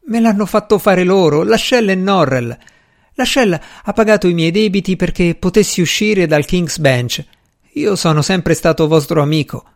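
A man's voice: sits high, lively intonation, takes it slowly, pauses often, a little mellow, slightly rough, pitched above the performer's own voice, exaggerated voice. A man voicing a frightened, fawning male spy who pleads in a trembling voice. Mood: pleading.

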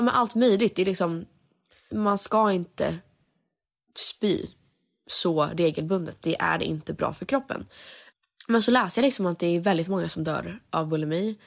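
Young woman, singer, slightly low voice, candid confessional storytelling with English slipped in. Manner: candid, mixes English phrases into Swedish. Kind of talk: personal storytelling.

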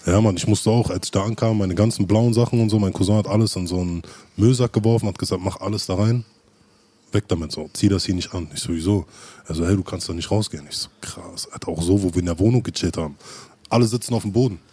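A man's voice: fairly low pitch, fast, dark tone, slightly rough. A man telling stories in casual chat, full of street slang and acted-out quotes. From Germany.

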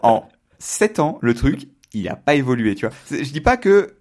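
A man chatting casually on a podcast, rushing through ideas with frequent restarts. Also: medium pitch, sing-song, darkish tone. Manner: rapid talk with restarts and stammers. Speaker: podcast co-host.

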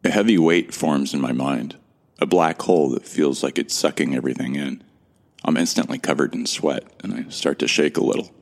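For an audio drama, an actor recounts in the first person the story of an amnesiac from Earth who is bewildered and introspective. His very deep, gravelly voice moves at a measured pace, and the mood is introspective and tense.

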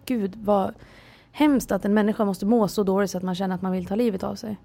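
A woman's voice: mid-range voice, steady tone, creaky, warm tone. A woman co-hosting a casual podcast who reacts dramatically and swears casually. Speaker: podcast co-host. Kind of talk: casual chat.

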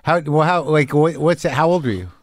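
A man in his fifties from New Mexico hosting a casual chat, laid-back and full of quick agreements. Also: a little high, no echo, clean studio sound. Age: 50s. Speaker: host.

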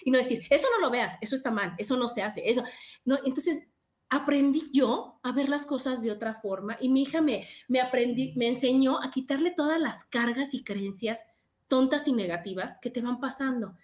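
A woman talks in a lively, chatty way and acts out the voices in her stories. Her voice sits high. The room around her echoes. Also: moderate pace. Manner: chatty, animated storyteller acting out quotes. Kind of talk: casual conversation about parenting.

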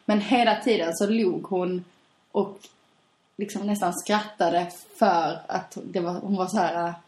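A woman in casual conversation, telling a story in an animated way and laughing often. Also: lowish voice. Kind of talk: casual chat. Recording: roomy echo.

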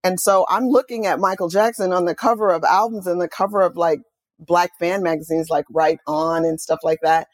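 A middle-aged Oakland author and music journalist speaks fairly quickly in a lowish voice, with no room sound. Her stories in this conversational interview come across as enthusiastic and animated, sprinkled with quoted asides.

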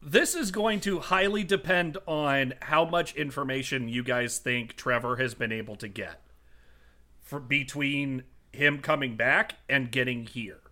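A man's voice: mid-range voice, unhurried, bright, forceful tone. A man narrating as game master of a tabletop game, hesitant with many fillers as he explains.

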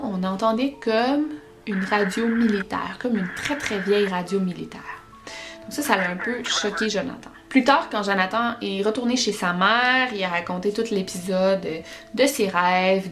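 A woman with a Québécois accent, hosting a podcast and telling paranormal stories in an animated, chatty way. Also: mid-range voice, moderate pace, over music. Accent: Québécois French. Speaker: podcast host.

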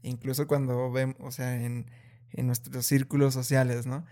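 A man in casual conversation who talks slowly and thoughtfully and raises his voice to act out scolding parents. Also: medium pitch, little pitch movement, mellow. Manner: slow and deliberate, many fillers.

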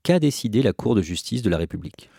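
A man presenting a news report, reading measured scripted narration and asking a reporter questions. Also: on the low side, big pitch swings, gravelly, warm tone, husky, no room sound, clean studio sound.

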